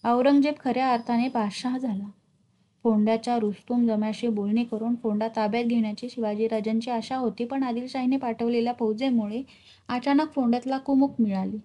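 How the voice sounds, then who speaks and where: Mellow woman narrating a historical tale. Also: on the high side, steady tone, brisk. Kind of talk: scripted narration of a historical novel.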